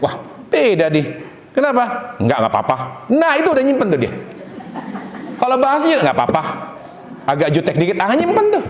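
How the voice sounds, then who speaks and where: A male preacher giving a humorous sermon to a congregation, acting out quoted lines with big jumps in voice. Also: roomy sound. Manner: animated, jumps high in pitch and acts out wife and husband in quoted lines.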